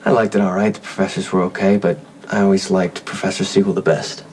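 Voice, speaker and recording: An actor playing a reassuring young man on the run, speaking in a soothing, steady way, in a soap opera scene. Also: deep voice, fast talker, a little hiss or hum, lightly acted. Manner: soothing, steady, gently teasing. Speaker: fugitive hiding under a false name. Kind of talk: daytime soap opera acting. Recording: soap scene with music bed.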